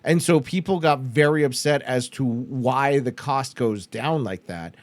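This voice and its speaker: A man's voice: mid-range voice, a little slow, dry recording. A man from Canada hosting a podcast, chatting casually with fillers and restarts. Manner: mocks others with put-on excited voices. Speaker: podcast host. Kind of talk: casual chat.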